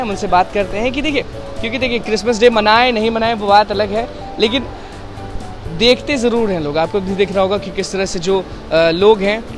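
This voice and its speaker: A young man reporting vox-pop style in a large indoor shopping mall, talking upbeat with a handheld mic. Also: sits high. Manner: upbeat, repetitive presenter talk. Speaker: street reporter.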